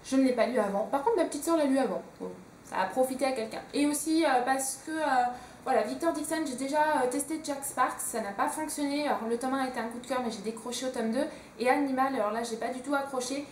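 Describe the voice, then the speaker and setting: A young Frenchwoman with a high voice chats about her books, hesitating often and filling gaps with little fillers. She sits a bit away from the mic in an echoey room, with faint ambient hiss behind her. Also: fast talker, recorded from a distance. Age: young adult. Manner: chatty, hesitant with many fillers. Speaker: book vlogger. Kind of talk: casual chat.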